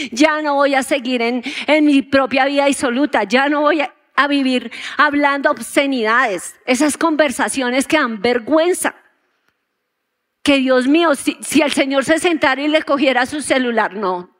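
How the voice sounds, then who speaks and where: A woman's voice: sits high, moderate pace, a bit bright. A woman preaching a sermon to a congregation, asking them questions and acting out the prayers she quotes. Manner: asks the audience questions and acts out quoted prayers. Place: church auditorium. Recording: long hall reverb.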